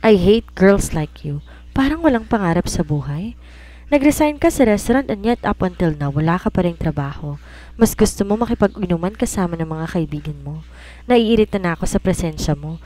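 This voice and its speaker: Cold, cutting and shouting, the character is a drunk, angry young man rejecting a woman in an audio romance, voiced by a woman. She speaks in a lowish, natural voice.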